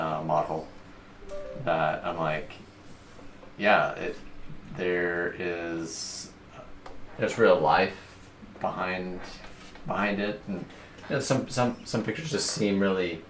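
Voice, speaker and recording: A man's voice: deep voice, a bit bright. A man painting on a livestream, talking reflectively about his work and searching for his words. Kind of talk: casual livestream chat. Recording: roomy, noisy, echoey room.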